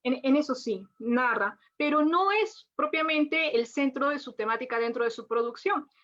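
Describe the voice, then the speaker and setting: Brief: woman lecturer, high voice, muffled lo-fi recording, chatty restarts. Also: animated, moderate pace, fairly bright tone. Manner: frequent tag questions and restarts. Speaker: lecturer on literature. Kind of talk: academic lecture. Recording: dull lo-fi audio.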